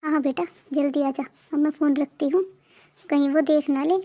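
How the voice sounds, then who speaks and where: A nagging, greedy mother-in-law from a cartoon family drama, voiced by a woman, with a very high, thin voice. She scolds and jabs with sarcasm. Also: fairly even intonation, moderate pace, phone-quality sound, close to an everyday voice. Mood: scolding.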